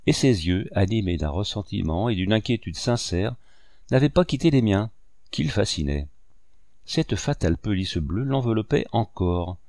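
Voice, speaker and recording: A man with a low voice reads a classic novel aloud in measured, expressive first-person narration. The sound is close and dry, with no room around it. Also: no echo. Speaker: audiobook narrator. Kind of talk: literary audiobook narration.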